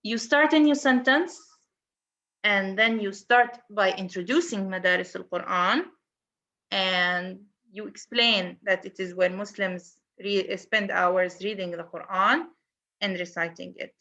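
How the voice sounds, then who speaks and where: Her mid-range voice is unhurried, pushed and bright, and the audio has its highs cut off. A native Arabic speaker with an accent, she lectures at university on translation, explaining step by step, restarting and repeating words and mixing English with Arabic.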